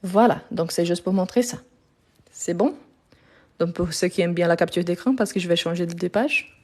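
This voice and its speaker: A woman's voice: lowish voice, moderate pace, a little mellow. A woman teaching a live online French lesson, explaining grammar patiently step by step and often checking in with her viewers.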